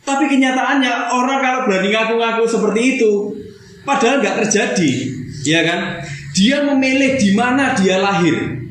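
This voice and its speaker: A man's voice: very high-pitched, moderate pace, fairly bright tone. Man preaching in a very echoey room. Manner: conversational preaching, often adding a tag question to the listeners. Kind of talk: sermon. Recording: very echoey room with faint noise.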